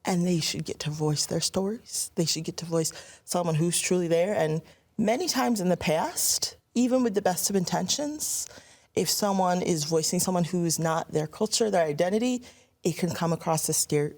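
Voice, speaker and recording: A woman's voice: fairly low pitch, moderate pace. A young adult woman, a voice actor, talking about her work in an interview and briefly acting out the lines she quotes. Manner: animated, acts out quoted lines. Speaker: voice actor guest. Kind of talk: conversational interview.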